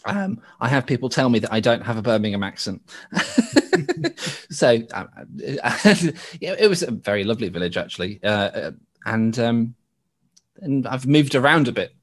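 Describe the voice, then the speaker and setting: A man's voice: medium pitch, expressive. A man from the West Midlands of England with an English accent, a podcast guest talking through ideas with many restarts. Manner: halting, with frequent restarts and laughs. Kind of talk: thoughtful conversational interview.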